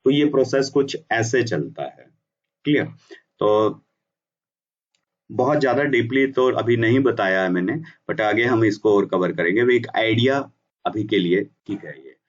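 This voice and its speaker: A man's voice: lowish voice, unhurried, distant mic, highs cut off. A man explaining a technical process in a casual lesson, often restarting words and mixing in English terms. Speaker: instructor explaining bulk SMS business.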